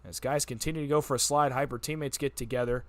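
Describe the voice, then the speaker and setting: A man calling a race as the play-by-play announcer, rattling off positions quickly and building excitement on big moments. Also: medium pitch, no echo. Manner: rapid-fire, auctioneer-like calling when the pack is close. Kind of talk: sim racing play-by-play commentary.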